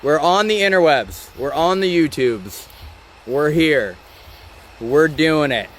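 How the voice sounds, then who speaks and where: A man hosting a live-stream vlog outdoors, talking in an excitable, rambling and emotional way. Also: a little high, takes it slowly, slight background noise. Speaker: ghost-hunting channel host. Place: outdoors by a rock wall during a thunderstorm. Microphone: phone or camera on a live stream.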